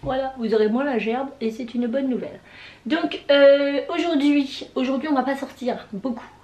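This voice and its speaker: Woman in her thirties, hoarse swollen-tonsils voice, higher pitch, hesitant casual vlog chat, echoey room. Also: steady tone, normal speed, a little mellow. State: sick with tonsillitis, hoarse, voice mostly gone. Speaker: vlogger. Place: indoors, bedroom. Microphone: camera on a tripod.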